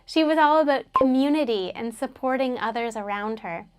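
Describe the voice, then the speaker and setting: High-pitched woman, English teacher, patient explanations, repeat-after-me drills. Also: moderate pace, clean tone. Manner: patient, explains words and has learners repeat them. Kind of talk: English lesson explaining a biography.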